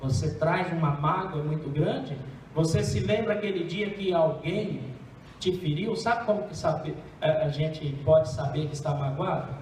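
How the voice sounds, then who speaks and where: A man's voice: fairly high pitch, unhurried, darkish tone, a little hiss or hum. A Brazilian man preaching a sermon as pastor, emphatic, putting rhetorical questions to the congregation. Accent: Brazilian Portuguese. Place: church sanctuary. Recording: echoey church hall, distant mic.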